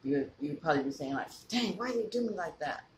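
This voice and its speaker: A man's voice: a little high, expressive, fast talker. A man from California, a mukbang vlogger, talking casually to the camera while chewing and putting questions to his viewers. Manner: chatty, asks viewers questions. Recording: echoey room with faint ambient noise.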